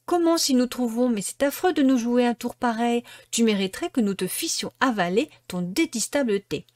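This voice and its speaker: A woman's voice: a little high, animated, moderate pace, darkish tone, no room sound, clean studio sound, voice pushed up, close to an everyday voice. A woman doing a bossy, indignant young boy. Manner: indignant, bullying.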